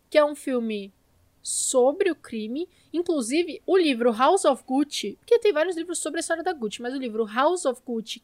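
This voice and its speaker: Brazilian woman on a podcast, really high voice, super dry sound, casual and opinionated. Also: no room sound. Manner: informal, opinionated, emphatic. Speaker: podcast co-host. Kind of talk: casual film discussion.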